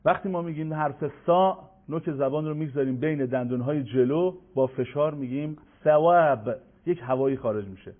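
A man gives a radio lesson on recitation, walking through each point step by step. He stretches out syllables to show how they should sound, in a somewhat high voice that comes through a narrow, phone-like broadcast line. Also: hardly any pauses. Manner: explains step by step, stretches out sounds to demonstrate them. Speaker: Quran recitation teacher.

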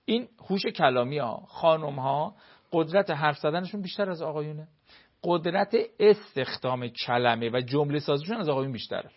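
A man's voice: fairly high pitch, lively intonation, muffled recording. A man, a cleric, giving earnest marriage advice in an explanatory talk full of everyday examples.

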